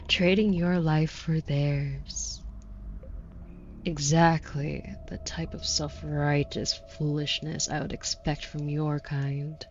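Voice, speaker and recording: A woman plays a seductive female demon in an audio roleplay, taunting and scornful. Her low, level voice moves very slowly and deliberately, breathy and slipping into whispers, flirty yet quietly menacing. The lo-fi recording carries noisy ambience.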